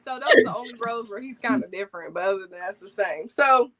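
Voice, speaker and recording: A woman hosting a casual livestream movie chat, telling scenes in a lively way and laughing often. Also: medium pitch, quick pace. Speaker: host.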